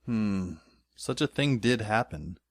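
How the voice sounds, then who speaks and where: A man with a lowish, animated voice speaks slowly in a recording free of room sound. Playing a sardonic schoolboy, he narrates his own adventure with wry, dry description in scripted audio drama form.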